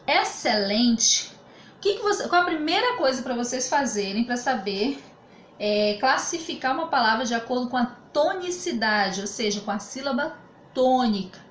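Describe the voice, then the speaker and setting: A woman's voice: high-pitched, lively intonation, normal speed, a bit bright. A Brazilian woman teacher giving a remote grammar lesson, explaining patiently and often checking that students follow. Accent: Brazilian Portuguese. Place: home room during quarantine. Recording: echoey room with faint ambient noise.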